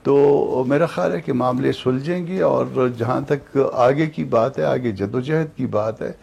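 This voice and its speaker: Gravelly-voiced man, calm political guest. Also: mid-range voice. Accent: Pakistani Urdu. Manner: calm, hesitant with frequent fillers. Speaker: political party spokesman guest. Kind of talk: measured political commentary.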